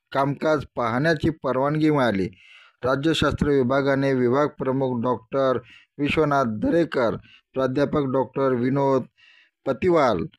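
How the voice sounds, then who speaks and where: Male news anchor, mid-pitched, steady formal read-out. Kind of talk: scripted news narration.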